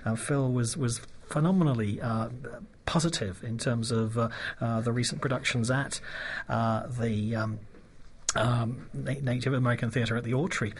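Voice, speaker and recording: A man's voice: medium pitch, steady tone, normal speed, husky. A British man hosting a radio show, chatting in a rambling, friendly way and laughing often. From Britain. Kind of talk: casual radio chat.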